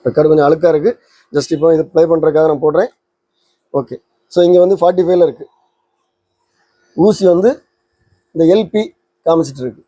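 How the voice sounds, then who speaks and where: The presenter of a record player tutorial channel gives an informal demonstration, explaining step by step and addressing viewers directly. His voice sits a little high for a man, soft and mellow with a breathy edge, and he speaks quickly. The sound is close and dry.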